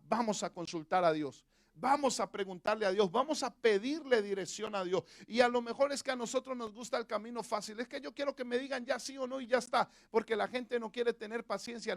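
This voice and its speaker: A man's voice: very high-pitched, dry recording, clean studio sound. A male pastor preaching a sermon, asking the viewer rhetorical questions. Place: Europe.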